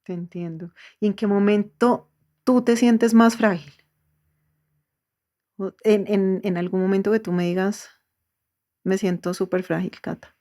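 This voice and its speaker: A woman interviewer asking soft, empathetic questions. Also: mid-range voice, steady tone, unhurried, pauses often.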